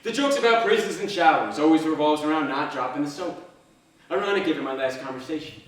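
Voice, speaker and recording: A man performs a one-man stage monologue in a slightly high voice. He tells his story dramatically, with a dry, wry humour. The sound is heavily echoing and picked up some way from the microphone. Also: lively intonation, fast talker, fairly bright tone. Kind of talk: theatrical first-person monologue. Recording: very echoey stage, distant microphone.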